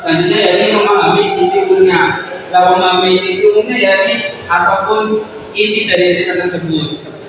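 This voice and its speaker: A man's voice: high voice, a little fast, crowd noise. A young man, a student, giving a loose, rambling classroom presentation and walking through spoken examples. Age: young adult. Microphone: far camera. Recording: echoey classroom, far from the mic, background noise.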